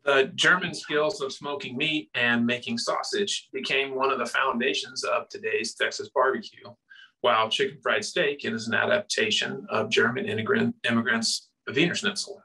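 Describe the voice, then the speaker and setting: A man reading a presentation and introducing guests in a steady manner. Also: mid-range voice, moderate pace, creaky, slightly rough, rough recording. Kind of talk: read presentation.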